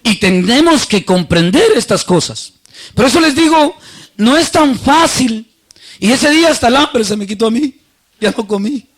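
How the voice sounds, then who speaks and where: High-voiced preacher. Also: male voice, lively intonation, moderate pace, breathy edge. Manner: storytelling, acts out quoted voices, swings loud and soft. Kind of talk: sermon with personal story.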